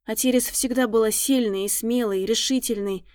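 A woman reading a novel aloud in calm, steady scripted narration. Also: on the high side, moderate pace, dry recording, studio quality. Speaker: audiobook narrator.

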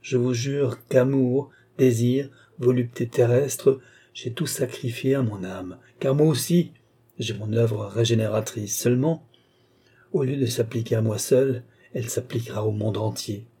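A guarded, devoted disciple, read by a male narrator answers in a steady and respectful way. His voice is mellow and slightly husky, and he stays calm under pressure. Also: mid-range voice. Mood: earnest. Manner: measured, respectful, restrained. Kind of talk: audiobook character reading.

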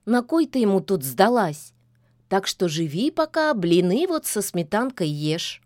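A woman's voice: mid-range voice, big pitch swings, unhurried, a little mellow, dry recording, clean studio sound. Woman doing a mocking folksy kikimora. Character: sly down-to-earth female kikimora house spirit.

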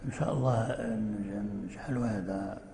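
A man teaching the rules of Quran recitation, explaining in plain speech and chanting example words slowly. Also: on the low side, vocal fry, warm tone, faint music behind. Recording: echoey hall recording.

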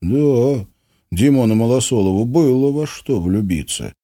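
A man narrating an audiobook in a wry, expressive way. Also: medium pitch, unhurried.

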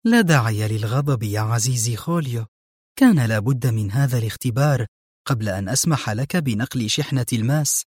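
A man voicing a cunning female crime boss, soft-spoken but menacing, in an audiobook reading. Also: medium pitch, expressive, brisk, slightly rough, no room sound, studio quality. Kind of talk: audiobook narration.

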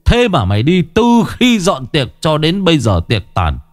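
A man's voice: fairly high pitch, huge pitch swings, moderate pace, no room sound, clean studio sound, pitched above the performer's own voice. A man voicing a wrathful old village chief, scolding his servant with insults. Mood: angry scolding.

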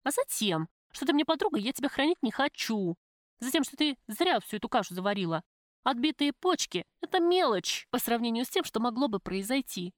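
Brief: woman reading as brassy streetwise friend, raised and loud, dry close audiobook read. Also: a little high, very animated, a little fast, no room sound, voice pushed up. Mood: bossy. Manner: blunt, scolding, rough slang.

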